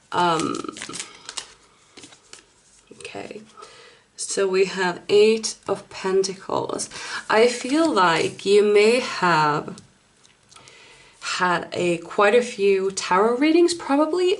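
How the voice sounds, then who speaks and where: A woman from Finland with a Finnish accent, a native Finnish speaker, giving a casual tarot card reading in a hesitant, apologetic way as she searches for words. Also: mid-range voice. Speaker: tarot reader.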